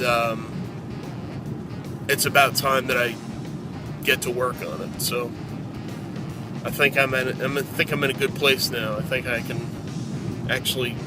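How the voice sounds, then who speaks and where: A man's voice: medium pitch, flat delivery, measured pace, long pauses, loud music behind the voice. A man talking casually to camera in a vlog, rambling and restarting his sentences. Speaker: vlogger.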